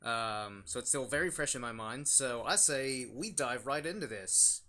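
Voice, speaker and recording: A man's voice: mid-range voice, expressive, normal speed, bright, forceful tone. A young man hosting a casual review chat, rambling with lots of fillers and restarts. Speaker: YouTube channel host.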